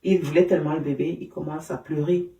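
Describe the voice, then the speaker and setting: Woman telling her story in an interview, halting, lots of restarts, voice sits back from the mic in a roomy space. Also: deep voice, fairly even intonation, dark tone, dull audio. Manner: emotional, halting storytelling with many fillers and restarts. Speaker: interview guest. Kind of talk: personal testimony in conversation. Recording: roomy sound from a distance.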